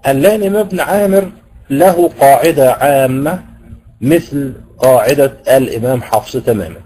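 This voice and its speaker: A man with an Egyptian accent giving a university lecture on Quranic recitation, explaining slowly and pausing with hesitation sounds. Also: mid-range voice, dark tone, breathy edge, poor audio. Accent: Egyptian Arabic.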